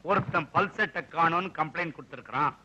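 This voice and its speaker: An actor playing a blustering, suspicious police officer in a comedy film scene who mutters sarcastic asides. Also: male voice, a little high, quick pace, bright, forceful tone. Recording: dull old film audio with faint hiss.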